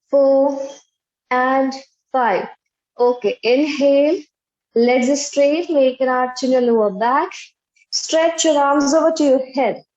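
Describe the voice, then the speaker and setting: A young woman in her twenties with an Indian accent, leading a live online yoga class in measured short commands and slow counts, over roomy, dull video-call audio. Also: high voice, darkish tone. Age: 20s. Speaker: yoga instructor. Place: indoor bare room, online video class.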